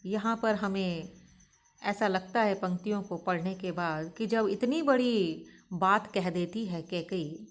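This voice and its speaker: A middle-aged woman teaches a class, explaining a poem line by line. She speaks at an unhurried, deliberate pace in a medium-pitched voice and addresses her students as children.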